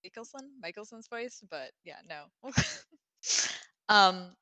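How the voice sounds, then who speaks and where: A woman's voice: medium pitch, expressive, slow pace, bright, forceful tone, no room sound. A woman novelist, a podcast guest, reading her own short story aloud after some laughing, self-deprecating chat.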